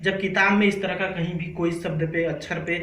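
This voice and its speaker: A male teacher with a high-pitched, bright voice leads a class lesson. He drills each sound, repeats it, and keeps asking the class to answer back. The voice rings in an echoey room with faint noise behind it. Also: steady tone, brisk.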